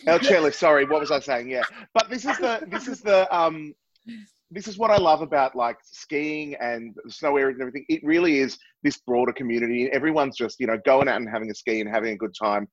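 A man rattles along at a very fast pace, excitable and rambling, with a flamboyant drag performer's flair. The sound is somewhat dull and lo-fi, in a dry space. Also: mid-range voice, no room sound. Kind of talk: casual chat.

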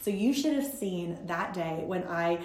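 A woman guest in a conversation, telling a story in an animated, self-mocking way and laughing often. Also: fairly low pitch, measured pace, echoey room. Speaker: guest speaker from a women's ministry.

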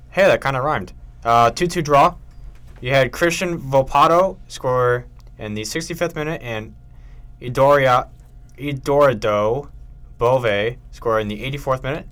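A man's voice: medium pitch, pushed and bright, smooth. A man co-hosting a casual sports podcast, reading out weekend match scores with jokey asides. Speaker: podcast co-host.

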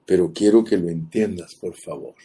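A man preaching a sermon slowly and deliberately, asking his congregation questions as he explains a passage. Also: low-pitched, steady tone, warm tone, breathy edge.

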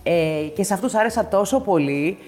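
A woman's voice: medium pitch, lively intonation, a little mellow, big-room sound. A woman actress as an interview guest, telling stories animatedly with many hesitations. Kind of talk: casual interview storytelling.

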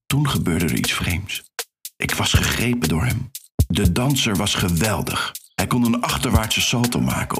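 A nervous young dude telling his own story, low voice, wry, soft music behind. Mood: wondering. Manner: self-conscious, rueful, wry. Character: anxious young man, shy secret dancer. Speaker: narrator and lead character. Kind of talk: first-person audio drama narration.

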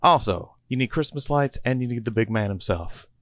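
Tallahassee, a man doing a loud bossy cowboy. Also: mid-range voice, animated, a little fast, pitched above the performer's own voice, close to an everyday voice. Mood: commanding. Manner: loud, commanding, sarcastic. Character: gruff bossy older zombie-hunting cowboy man.

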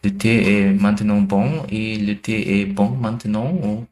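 Very low, hesitant man learning French. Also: fairly even intonation, darkish tone. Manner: hesitant, halting learner speech with many fillers. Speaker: language learner. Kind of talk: casual tutoring over a call.

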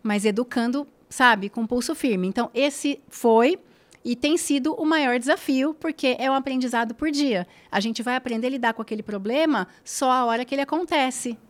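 Speaking at normal speed in a high voice, the woman guesting on the podcast keeps things casual yet emphatic. She repeats phrases for stress and tosses in tag questions to check in with her listeners.

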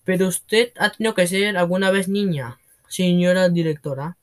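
A man voicing a gentle, earnest young female teacher who pleads softly in a storybook reading. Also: sits high, steady tone, moderate pace, close to an everyday voice. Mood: pleading.

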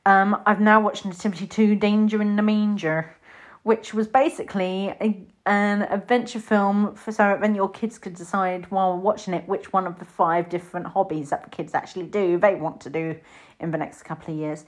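A British woman in her thirties chatting casually about films, rambling and breaking into high-pitched mimicked reactions. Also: steady tone, normal speed. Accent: British English. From Britain. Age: 30s. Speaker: film reviewer. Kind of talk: casual chat.

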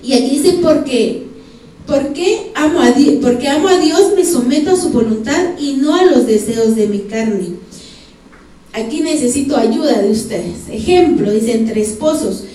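A woman's voice: high voice, lively intonation, unhurried, warm tone. A woman with a Guatemalan Spanish accent preaching a sermon in a church, speaking straight to the congregation and asking them for examples. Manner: addresses the congregation directly, asks them for examples. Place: church sanctuary. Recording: echoey church hall from far off.

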